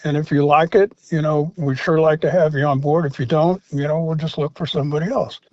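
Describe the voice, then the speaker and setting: Older man, slightly high voice, rambling storyteller, dull dry recording. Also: fairly even intonation, brisk, darkish tone, no room sound. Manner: rambling anecdotes with many fillers and restarts. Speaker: interview guest, former rock singer. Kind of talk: storytelling in a casual interview.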